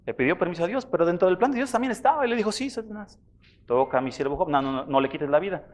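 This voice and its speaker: High-voiced man preaching a sermon. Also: lively intonation, racing. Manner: conversational preaching, addresses listeners as brothers. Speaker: pastor.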